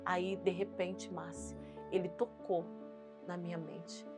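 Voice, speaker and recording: A woman's voice: lowish voice, level tone, slow, over music. A woman pastor with a Brazilian Portuguese accent, giving an earnest, emotional faith testimony in an interview, rising to fervent intensity. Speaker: pastor and singer, guest.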